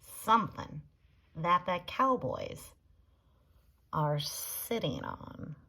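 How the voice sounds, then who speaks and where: A woman's voice: low-pitched, huge pitch swings, extremely slow, pushed and bright, breathy edge, full character voice. A woman voicing a practical, no-nonsense woman ticket seller who asks pointed, leading questions. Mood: exasperated.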